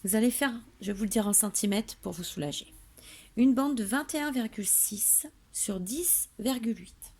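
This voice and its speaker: A woman's voice: on the high side, normal speed, a little mellow. A woman hosting a home papercraft tutorial, drowsy and tired, chatting in a rambling way with lots of fillers. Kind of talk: casual tutorial chat. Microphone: camera on a tripod.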